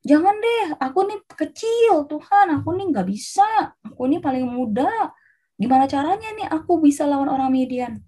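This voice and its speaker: A woman's voice: sits high, lively intonation, normal speed, mellow, voice pushed up. A woman voicing a frightened, doubtful young man who pleads and hesitates. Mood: pleading.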